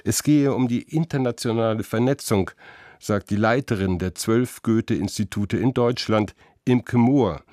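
A man narrating a news report in a steady voice-over. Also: fairly low pitch, unhurried, no room sound, clean studio sound.

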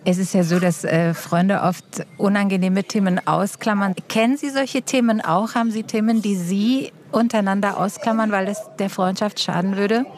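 A woman radio host asking composed, brisk questions and moderating an interview in a studio. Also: medium pitch, fairly even intonation, a little mellow.

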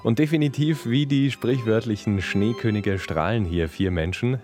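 A man's voice: fairly low pitch, moderate pace, a little mellow, soft background music. A man presenting and interviewing on a broadcast, reading polished introductions and asking friendly questions.

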